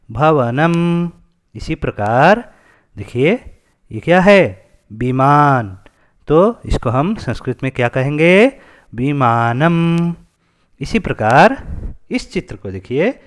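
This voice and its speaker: Slow, lively-voiced male Sanskrit teacher. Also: fairly high pitch. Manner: slow, patient, asks questions then answers them. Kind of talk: classroom lesson for children.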